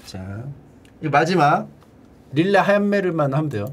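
A man streaming and chatting casually, drilling words by repetition in a playful way and breaking into shouted cheers. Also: big pitch swings, normal speed, slight background noise. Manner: playful, drills words by repeating them in a high echo. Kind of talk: casual livestream chat.

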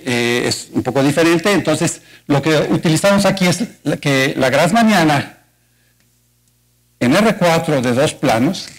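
A man with a Mexican Spanish accent, a mathematics lecturer, gives a university colloquium talk in a lecture auditorium, explaining step by step and posing rhetorical questions to the audience. His voice is fairly high and the recording is rough.

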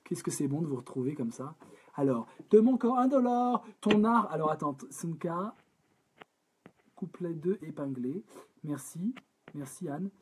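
A man's voice: fairly high pitch, lively intonation, slight background noise. French man working out song lyrics aloud. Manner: sings lines over guitar, then breaks off to talk quickly and softly about syllables. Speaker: songwriter leading a live collaborative session. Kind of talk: singing drafts and talking through lyric edits with chat. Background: guitar.

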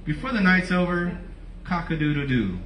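A preacher acting out a solemn male teacher who gravely foretells betrayal and his own death, in a lowered voice. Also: lively intonation, normal speed, fairly bright tone, slight background noise. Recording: echoey room, voice from off-mic.

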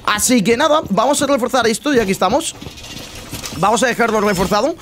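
A man from chatting casually over gameplay, just woken up, slangy and prone to loud teasing shouts. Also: very high-pitched, brisk. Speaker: gaming streamer.

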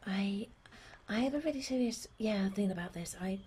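A woman voicing a nervous, prickly young woman who talks low, quiet and tense in a comedic gaming role-play. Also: moderate pace, slight background noise, natural voice.

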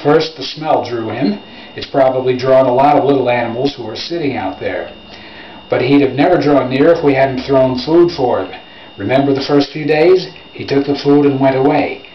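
A man's voice: medium pitch, moderate pace, a little hiss or hum, close to an everyday voice. A man reading as a patient scientist father. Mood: explaining. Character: dry, patient scientist father grilling burgers. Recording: roomy, dull lo-fi home recording.

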